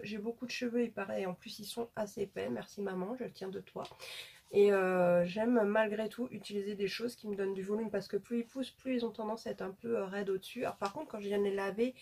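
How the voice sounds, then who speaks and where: A woman's voice: mid-range voice, gravelly, a little mellow, slight background noise. A woman chatting casually as a beauty vlogger showing off her haul, hesitating often with fillers. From France.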